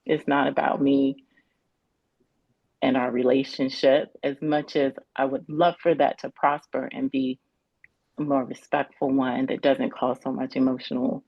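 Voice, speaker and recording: A woman testifying as a parent in a custody hearing over a video call, talking haltingly and restarting her sentences as she searches for words. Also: very deep voice, level tone, gravelly, breathy edge, no room sound. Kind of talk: court testimony. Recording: dull, dry video-call audio.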